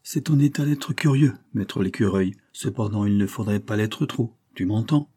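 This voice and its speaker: A man reading aloud, voicing a celebrated police detective who speaks in a measured, authoritative, instructive way. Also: mid-range voice, lively intonation, dark tone, husky, voice pushed up. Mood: commanding. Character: celebrated police detective, calm, commanding, dry.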